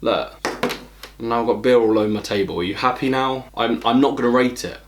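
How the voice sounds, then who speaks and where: A man hosts a casual beer review video from his table. He talks bluntly and swears a lot, sounding exasperated at times. A soft background hiss is heard under his voice. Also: medium pitch, a little fast. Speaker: beer reviewer, channel host. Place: at home, at a table.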